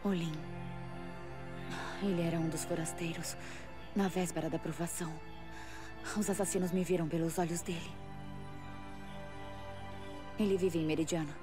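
Woman acting young huntress, lowish voice, Brazilian accent, earnest, questioning, determined, game drama, loud music. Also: steady tone, normal speed, long pauses, lightly acted. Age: young adult. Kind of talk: dubbed video game drama.

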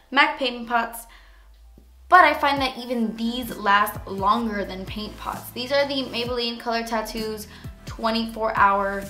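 A woman with a raspy voice today, casually talking through a makeup tutorial in a chatty way full of fillers. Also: on the high side, pushed and bright, roomy sound. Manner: chatty, filler-heavy, frequent "like". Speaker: beauty vlogger.

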